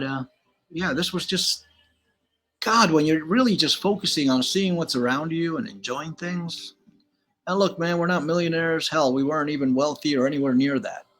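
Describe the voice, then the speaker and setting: Husky older man chatting casually. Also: fairly high pitch, fairly bright tone. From Galicia, Spain. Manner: rambling, opinionated, laid-back with frequent "man". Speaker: channel host. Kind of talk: casual slideshow commentary.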